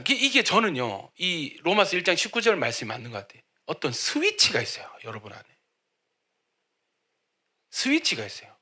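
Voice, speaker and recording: A man preaching a sermon as pastor, telling a story and acting out the people in it. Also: on the high side. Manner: storytelling, acting out quotes, loud cries. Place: church hall.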